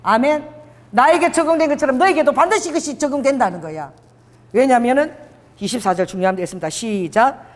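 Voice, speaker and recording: A woman pastor preaching a sermon in a church, animated, with asides to the congregation and acted quotes. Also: sits high, fast. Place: church sanctuary. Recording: reverberant hall.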